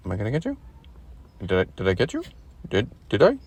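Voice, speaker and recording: A man's voice: lowish voice, huge pitch swings, fast, gravelly, a little mellow, slightly rough, full character voice. A man voicing a playful, scrappy male dachshund that taunts during a backyard play-fight. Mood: unsure. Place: outdoor garden.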